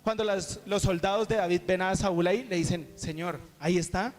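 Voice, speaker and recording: A man's voice: high-pitched, steady tone, a little fast. A man preaching a sermon, retelling a scripture story earnestly with frequent restarts. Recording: reverberant hall with soft guitar music.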